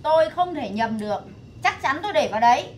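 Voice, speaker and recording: A woman's voice: animated, fast, slight background noise, poor audio. An actress playing a suspicious, scolding middle-aged mother-in-law in a TV drama. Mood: puzzled. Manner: scolding, shrill when angry. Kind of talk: TV drama acting.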